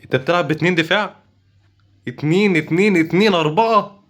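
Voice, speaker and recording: A young man with an Egyptian Arabic accent giving excitable live commentary over football gameplay, breaking into rapid repeated cries. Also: high-pitched, very noisy. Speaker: gaming YouTuber.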